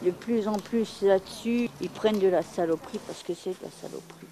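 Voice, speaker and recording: A middle-aged woman from France, interviewed in candid testimony, talks frankly and bluntly about her past and repeats herself for emphasis. Her voice is medium in pitch and brisk, with background noise present.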